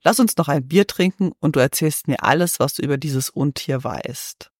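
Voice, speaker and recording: A man voicing a disguised sultan who speaks calmly, kindly and with quiet determination, in a storybook reading. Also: on the high side, normal speed, no echo, clean studio sound, natural voice. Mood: assured. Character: disguised young sultan, calm, kind, determined.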